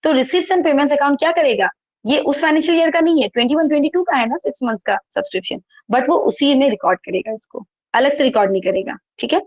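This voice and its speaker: Woman teacher, online accountancy lecture, explanatory, asks and answers herself, slightly high, dull laptop mic, dry. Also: quick pace, no room sound. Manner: explanatory, asks and answers her own questions, frequent "theek hai". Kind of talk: online class lecture, reading textbook lines then explaining. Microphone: laptop microphone.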